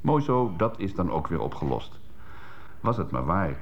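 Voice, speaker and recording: Low-voiced man on old worn tape. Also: very animated, normal speed, dull audio, slight background noise. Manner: wry, sarcastic asides. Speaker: radio columnist. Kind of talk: read radio column. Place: radio studio.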